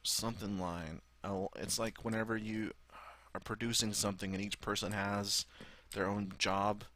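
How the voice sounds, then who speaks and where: Man, Southern US drawl, slightly low and forceful voice, casual sweary game host thinking out loud. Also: flat delivery, moderate pace, no room sound. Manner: rambling, sweary, thinking aloud. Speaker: gaming video host. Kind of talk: casual gameplay commentary.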